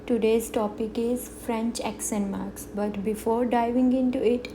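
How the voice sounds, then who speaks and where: Slow-spoken woman teaching beginners. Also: mid-range voice, dark tone, slight background noise, rough recording. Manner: slow, careful teaching with repeated example words. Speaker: French teacher. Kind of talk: beginner language lesson.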